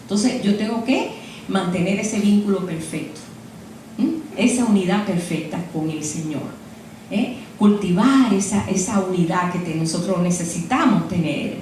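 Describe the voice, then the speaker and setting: A woman's voice: mid-range voice, normal speed, a little mellow, a little hiss or hum. Older woman preaching in an echoey room. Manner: chatty storytelling, frequent "¿eh?" asides. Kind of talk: sermon. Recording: echoey room picked up from a distance.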